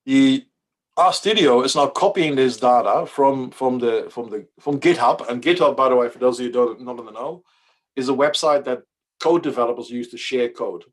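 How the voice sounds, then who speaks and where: Running an online coding workshop on a video call, this native Dutch speaker talks through a computer mic in a medium-pitched voice at normal speed. His delivery is casual, full of fillers and restarts.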